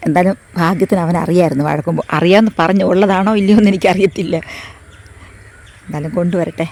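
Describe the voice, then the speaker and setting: A woman walking a rural path on a casual vlog, hoarse from losing her voice, chatty and rambling as she repeats herself. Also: on the low side, steady tone, quick pace, a little mellow, a little hiss or hum. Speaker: vlogger. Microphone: phone front camera at arm's length.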